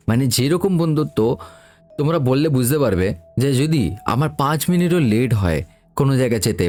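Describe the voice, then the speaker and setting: A man tells a story, using a casual first-person style. His pitch sits in a middle register, but his delivery moves up and down a lot. He keeps turning to his listeners to chat with them. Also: a little mellow. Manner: chatty, addresses listeners directly. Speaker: podcast storyteller.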